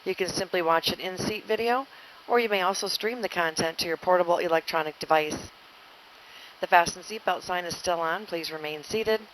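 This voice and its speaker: A female flight attendant makes an inflight announcement over an airliner's cabin PA handset, the recording noisy. Her voice is lowish and fairly bright, and she speaks fairly quickly.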